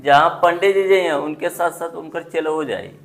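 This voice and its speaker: A man's voice: on the high side, fairly even intonation, normal speed. A man teaching a maths class, walking students through each step and checking they follow, in colloquial speech with a few dialect words.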